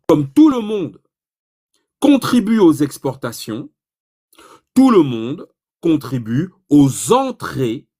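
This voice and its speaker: A man giving an informal economics lesson, animated and provocative, asking himself rhetorical questions. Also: on the high side. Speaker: economics explainer.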